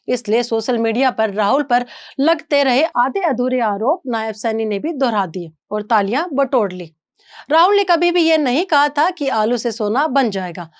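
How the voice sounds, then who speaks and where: News lady reading a political report, fairly high voice, steady and even. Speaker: news presenter. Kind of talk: scripted news narration.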